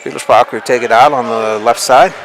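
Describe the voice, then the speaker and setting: A man's voice: mid-range voice, steady tone, brisk, a crowd in the background. A man giving live basketball commentary in short, folksy running calls with colloquial asides. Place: indoor gym during a game. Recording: noisy live gym broadcast. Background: bouncing basketball, gym ambience.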